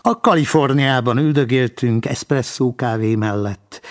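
A man reading a humorous story aloud in a dry, wry narrating voice. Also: medium pitch.

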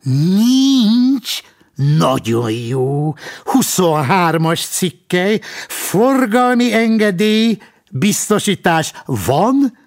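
A man's voice: high-pitched, sing-song, pitched above the performer's own voice. A man voicing a stiff, pompous traffic policeman who speaks in a stern, formal way. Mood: officious.

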